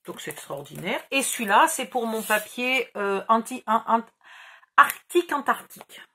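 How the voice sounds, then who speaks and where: A woman's voice: a little high, normal speed, pushed and bright, slight background noise. Chatty rambling woman showing off her haul. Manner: chatty, self-mocking, rambling with restarts. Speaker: scrapbooking YouTuber. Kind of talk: casual haul video chat.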